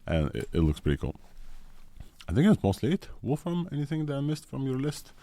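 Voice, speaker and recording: This host, a man with a Russian-Israeli accent, runs through tech news in a casual, excited way. His medium-pitched voice is mellow and sing-song, and he talks fairly quickly.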